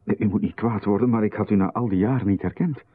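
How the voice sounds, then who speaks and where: A Flemish-accented actor speaks fast in a natural, low-leaning voice as a courteous playwright who gets flustered and is eager to please, uneasy beneath his politeness. This 1990s radio drama performance comes through a dry, narrow recording like a phone line.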